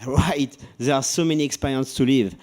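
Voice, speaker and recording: A man with a French accent, speaking English as a second language in a light, halting conference presentation. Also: mid-range voice, fairly even intonation, a little mellow. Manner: halting, laughs often. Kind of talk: scripted two-person presentation.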